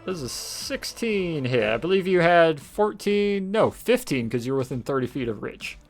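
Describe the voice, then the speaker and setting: A man narrating as game master, animated and laughing often as he counts out rolls and moves. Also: a little high, normal speed, faint music behind.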